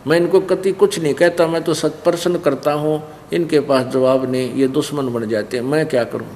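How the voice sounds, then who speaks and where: A man's voice: on the high side, steady tone, normal speed, a little mellow, close to an everyday voice. Earnest Haryanvi boy, voiced by a preacher. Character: calm earnest young boy. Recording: long hall reverb, faint noise.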